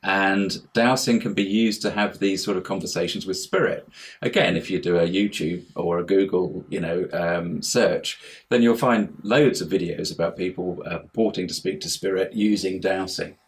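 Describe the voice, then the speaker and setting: A man with a low voice speaks at a moderate pace as a guest on an online-call interview. He's a house healer and life coach, and he explains his ideas hesitantly, wandering off on tangents and repeating words often.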